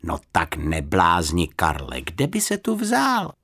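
A man playing a middle-aged wife in an audiobook, speaking slowly and with exclamation. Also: low-pitched, huge pitch swings, pushed and bright, voice pushed down, exaggerated voice. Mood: incredulous. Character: middle-aged wife, incredulous then startled.

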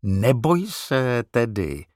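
A man voicing a big, calm English father in a storybook reading, reassuring and steady. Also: mid-range voice, dry recording, studio quality, lightly acted.

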